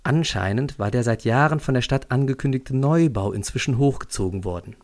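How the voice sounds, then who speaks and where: A man's voice: mid-range voice, fairly quick, darkish tone. A man narrating a scripted story on a school podcast in a dry, lightly ironic way.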